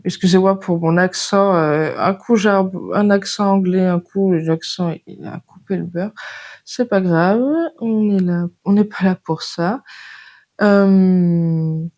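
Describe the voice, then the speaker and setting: Slow, mellow French woman chatting. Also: lowish voice, steady tone. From France. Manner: chatty, hesitant, many fillers. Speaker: knitting podcast host. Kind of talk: casual chat.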